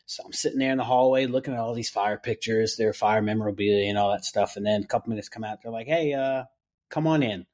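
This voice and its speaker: A firefighter on a podcast, casually telling a story and acting out the lines of the people in it. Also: male voice, fairly low pitch, quick pace. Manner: animated retelling, acting out others' lines.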